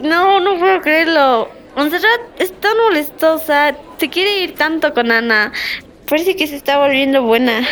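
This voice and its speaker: A woman's voice: sits high, fairly bright tone. A woman playing a bossy, scheming schoolgirl in an amateur role-play drama, talking in a dramatic, exclaiming way.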